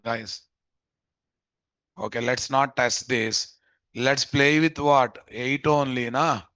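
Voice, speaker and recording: A man's voice: mid-range voice, sharp tone, smooth, dry recording, muffled recording. A man with a Telugu Indian accent teaching a live coding lesson as an informal instructor, repeating phrases and checking understanding with questions. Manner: informal, addresses learners familiarly. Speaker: programming instructor.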